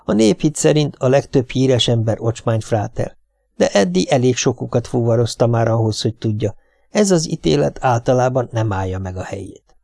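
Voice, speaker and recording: A man narrating an audiobook in a steady, measured storytelling manner. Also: medium pitch, gravelly, dry recording, clean studio sound.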